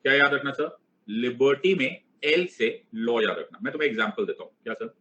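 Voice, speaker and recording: A man's voice: medium pitch, expressive, a little fast, bright, forceful tone. A male teacher with an Indian accent lecturing a class in a playful, conversational way, mixing in English phrases and acting out his students' replies. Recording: dull lo-fi recording.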